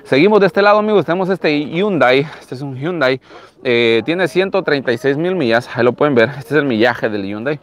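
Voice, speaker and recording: A man in his thirties with a Latin American Spanish accent hosts a casual live vlog from an open car lot outdoors, showing used cars. He holds his phone at arm's length and talks in an expressive, fairly quick, mid-range voice, chatty and repeating phrases.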